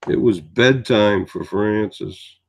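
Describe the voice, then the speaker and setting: Slow-talking tired man in his sixties. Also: lowish voice, creaky. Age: 60s. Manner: meandering, chatty storytelling with many fillers. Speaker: vlogger. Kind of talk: casual rambling vlog monologue.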